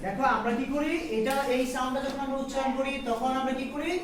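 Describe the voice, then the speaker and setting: A woman with a high voice teaches English pronunciation, repeating sounds and firing quick questions at a room of students. She is heard from a distance in a very echoey classroom. Students chatter and answer in the background. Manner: drills sounds by repetition, quizzes the class. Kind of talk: classroom lesson with call-and-response drills. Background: class of students responding.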